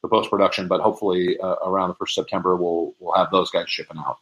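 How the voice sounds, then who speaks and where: A low-voiced man who makes props and audio dramas speaks casually as an interview guest, explaining things quickly in a flat tone while often restarting and repeating phrases. The audio sounds dull.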